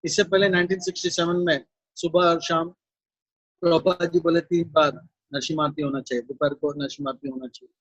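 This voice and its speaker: A man with a somewhat high voice tells a devotional story in an unhurried way, often stopping to search for words. The sound is dry and close. The recording itself is a little dull. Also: husky, dry recording. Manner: unhurried, pausing often with fillers. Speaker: monk storyteller.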